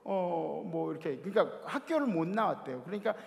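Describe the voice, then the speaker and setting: Male youth preacher, high and very lively pitch, animated storyteller, recorded in an echoing sanctuary. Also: a little fast, vocal fry. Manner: animated storytelling, acting out shouted quotes. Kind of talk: sermon. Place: church sanctuary. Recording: long hall reverb of a church.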